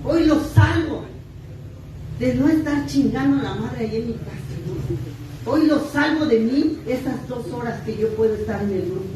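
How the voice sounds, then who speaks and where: A woman's voice: fairly high pitch, lively intonation, normal speed, background noise. Mexican woman, blunt testimony in echoey hall. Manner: blunt, earthy, self-mocking confession with crude slang. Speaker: sharer at a recovery group meeting. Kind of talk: personal testimony. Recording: echoey distant room mic.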